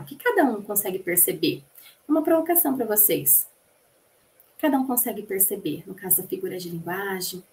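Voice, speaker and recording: A woman voicing a lecture for a class, explaining patiently, asking the listeners rhetorical questions, and pausing to restart phrases mid-sentence. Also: medium pitch, darkish tone, a little hiss or hum. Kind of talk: spoken lecture rendering.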